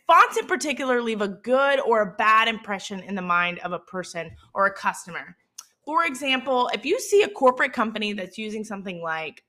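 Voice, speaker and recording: A woman's voice: a little high, sharp tone. A woman with a Southern Mississippi accent hosting an instructional podcast, explaining things informally and conversationally, often checking in with the listener. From Mississippi, United States. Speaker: host of a branding and marketing show.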